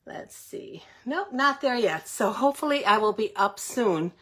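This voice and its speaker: A woman's voice: a little high, animated, measured pace, fairly bright tone. Breathless older woman chatting. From Middle Tennessee, United States. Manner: chatty, greets viewers by name. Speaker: paper crafting livestream host. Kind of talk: casual livestream chat.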